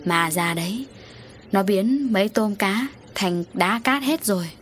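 A woman voicing an older father who is gruff and scolding, with an exasperated manner. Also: mid-range voice, expressive, measured pace, a little hiss or hum, lightly acted. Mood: shocked.

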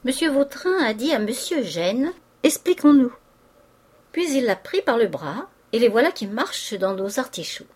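A woman's voice: a little high, very animated, normal speed, a little mellow, slightly rough, pitched above the performer's own voice. A stout kitchen maid, played by the woman reading the audiobook, tells the news in a blunt, gossipy, ungrammatical way. She sounds plain-spoken and common in this storybook reading. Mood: excited.

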